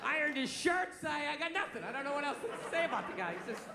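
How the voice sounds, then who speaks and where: A middle-aged man doing a stand-up comedy rant in a loud, sharp, exasperated and profane way. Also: very high-pitched, sing-song, fast talker. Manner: profane, blunt. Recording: echoey live stage, noisy crowd.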